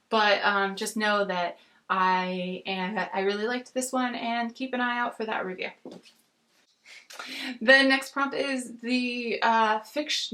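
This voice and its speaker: An American woman chatting casually about books as a video reviewer, rambling and haltingly rephrasing as she goes. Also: mid-range voice, pushed and bright. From United States. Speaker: book reviewer on a video channel. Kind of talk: casual book chat to camera.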